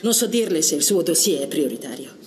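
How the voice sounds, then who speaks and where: Casting: regretful, official social worker, slightly low voice, drama, noisy ambience. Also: female voice, lively intonation, brisk, a crowd in the background. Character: apologetic, composed female social worker. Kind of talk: naturalistic film drama. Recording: clear background ambience noise.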